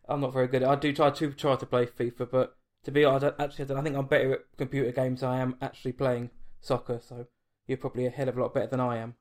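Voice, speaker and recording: A man with an English accent hosts a casual late-night film podcast interview from home, talking to a guest over an online call. His delivery is flat and quick, his medium-pitched voice darkish, and he's chatty and self-deprecating with restarts.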